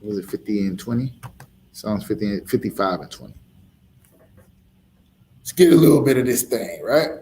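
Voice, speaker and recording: A man's voice: on the low side, animated, moderate pace, long pauses, mellow, a little hiss or hum. A man teaching as a street preacher, emphatic and full of rhetorical questions, with laughing asides.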